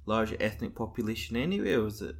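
A man's voice: fairly low pitch, very animated, quick pace, gravelly. A man interviewing a guest, asking curious, conversational questions.

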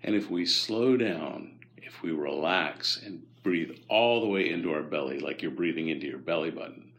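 Guest expert, male, very low and gravelly, calm and instructive, patient explainer. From United States. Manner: calm, guiding, gently instructive. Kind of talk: explanatory interview talk.

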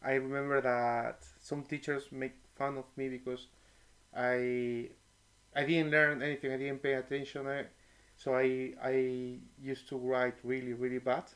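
Animated male guest telling stories. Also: mid-range voice, unhurried. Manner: animated storyteller with many restarts. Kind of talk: casual interview chat.

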